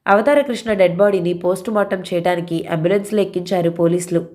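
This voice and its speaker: A woman narrating a novel in a steady storytelling manner. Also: on the low side, quick pace. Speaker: audiobook narrator. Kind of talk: novel reading.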